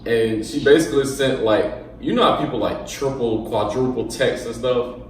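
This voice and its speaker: A man's voice: medium pitch, normal speed, slight background noise. A man hosting a casual podcast chat, talking loosely in slang and laughing often. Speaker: podcast host. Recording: echoey room, far from the mic.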